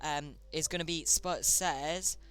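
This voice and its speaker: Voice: mid-range voice, fairly even intonation, takes it slowly, a bit bright. A streamer casually hosting a chat game live, chatty and often tripping over words.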